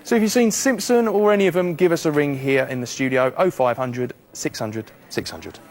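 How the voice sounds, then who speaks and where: A man presenting from a television studio, reading out wanted suspects in a brisk, matter-of-fact way. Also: on the high side, a little hiss or hum.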